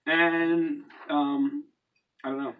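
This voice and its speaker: A man's voice: fairly high pitch, little pitch movement, drawn-out words, far from the mic, narrow, tinny audio. A man co-hosting a casual movie chat, hesitant and full of ums as he searches for names. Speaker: co-host of a movie review show.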